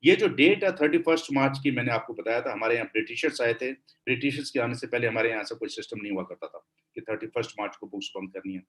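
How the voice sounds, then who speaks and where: Man, Indian accent, accounting teacher, classroom lecture, mixes Hindi and English, slow dictation. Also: medium pitch, a bit bright, rough recording.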